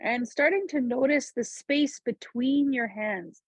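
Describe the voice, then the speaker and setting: A woman teaching a seated yoga class, giving calm, gentle cues to breathe and move. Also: high-pitched, measured pace, breathy edge, dry recording. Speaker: yoga instructor. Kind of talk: guided chair yoga instruction.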